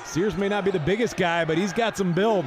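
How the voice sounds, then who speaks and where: A man giving fast live basketball commentary as play-by-play announcer, with clipped, urgent calls. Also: sits high. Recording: noisy arena with crowd behind. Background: crowd and bouncing basketball in arena.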